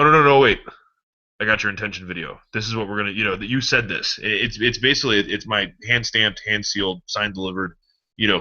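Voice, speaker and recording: Man, motivational vlog, low bright voice, rambling, swears, dull lo-fi sound. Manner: rambling, animated, swears freely. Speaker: motivational vlogger. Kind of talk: casual motivational pep talk. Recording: dull lo-fi recording.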